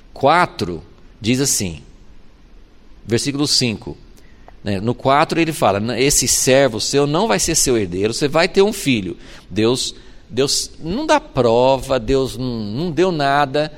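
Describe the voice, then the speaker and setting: Expressive male preacher, lively pitch. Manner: expressive, acting out dialogue, swings between hushed and emphatic. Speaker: pastor. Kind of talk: sermon.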